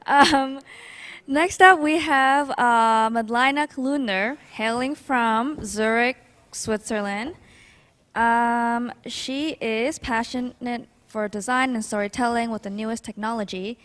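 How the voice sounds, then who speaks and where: A female host with a moderately high voice introduces a speaker at a live event. Her delivery is informal and unscripted. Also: slow, a bit bright.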